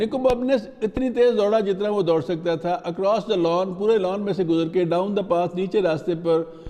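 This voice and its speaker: A man teaching from a storybook, reading each line slowly, translating it and spelling out new words letter by letter. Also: high voice, warm tone. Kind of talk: slow read-aloud with line-by-line translation and spelling. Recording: long hall reverb.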